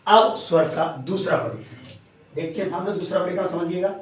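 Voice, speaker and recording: A man's voice: high-pitched, a little fast. A man teaching a grammar lesson, repeating key terms as questions to his students and calling them friends. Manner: addresses students warmly as friends. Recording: very echoey room, voice far from mic.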